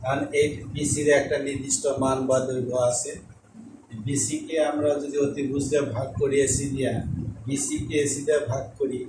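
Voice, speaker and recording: A male math teacher giving a slow classroom lesson, repeating and spelling out each term. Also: medium pitch, flat delivery. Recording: echoey room, mic far off, noisy.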